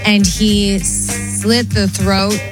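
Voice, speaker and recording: A woman's voice: medium pitch, little pitch movement, extremely slow. Female radio co-host over prominent music. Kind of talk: casual chat.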